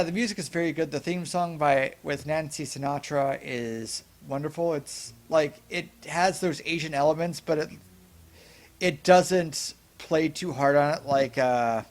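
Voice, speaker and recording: A young man co-hosting a casual film podcast, rambling with restarts and animated asides. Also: a little high, measured pace. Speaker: podcast co-host. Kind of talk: casual film review chat.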